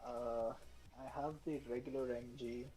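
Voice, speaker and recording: A man with an average voice chats in a dry, unhurried way, giving short, matter-of-fact answers. Soft music plays faintly beneath him. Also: medium pitch, steady tone, rough recording. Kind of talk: casual chat.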